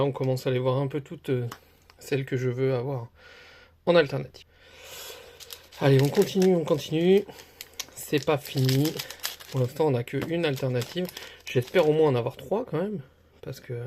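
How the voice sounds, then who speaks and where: A man's voice: on the high side, dark tone. A young man casually commenting as he opens trading card packs, chatty and rambling with many hesitations. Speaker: card collector opening booster packs.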